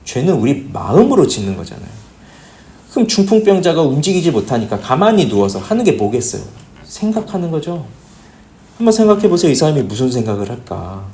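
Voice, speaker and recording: A man preaches a Sunday sermon in a church, his voice a touch higher than most men's and swinging up and down all the time. He keeps putting questions to the congregation, and the sound rings out through the roomy hall. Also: sing-song, brisk, warm tone. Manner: questions the congregation often, pitch rising and falling. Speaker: pastor. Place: church sanctuary.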